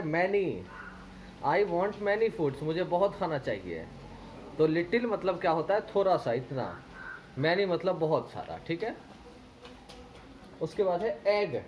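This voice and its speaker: Reading a children's story slowly, an Indian-accented man teaching primary school English repeats words and spells them out letter by letter. He has a high, expressive voice with a darkish tone. The recording is rough, with a little hiss or hum.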